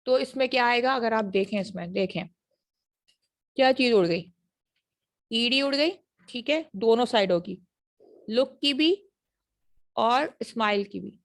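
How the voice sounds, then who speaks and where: A woman with a Pakistani accent giving an online university phonetics lecture, explaining patiently and checking often whether students understand. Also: on the high side. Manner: explanatory, repeats English phrases slowly then fast.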